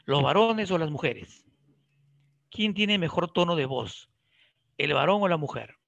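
A biology teacher lectures his class in a lively way, questioning students directly and joking as he goes. His voice is a little high, bright and gravelly, and he speaks at a measured pace. The lo-fi recording is close and dry, with no echo or room sound.

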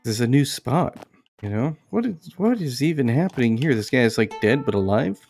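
A gaming video host with a medium-pitched, sing-song voice that's brisk, gravelly and a little mellow. He gives casual commentary on a video game, rambling and thinking aloud as he plays, with game music in the background.

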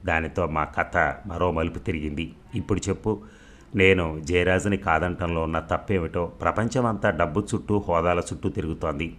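A man's voice: low voice, fairly bright tone. A man voicing a scornful, status-hungry young woman in a storybook reading, her talk cool, sarcastic and defiant.

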